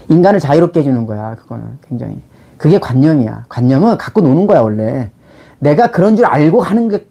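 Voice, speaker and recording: Fast-talking man lecturing bluntly. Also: mid-range voice, warm tone, slightly rough. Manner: speaks in blunt informal speech, firing rhetorical questions; acts out little quoted exchanges mid-talk. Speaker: channel host, life and money mentor. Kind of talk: casual lecturing talk.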